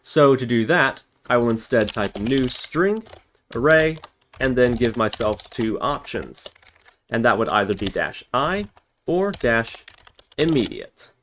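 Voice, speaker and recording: Unhurried and expressive, a man with a medium-pitched, fairly bright voice leads a casual programming tutorial step by step. As he types he voices his thoughts and corrects mistakes, amid background noise, keyboard typing and clicks.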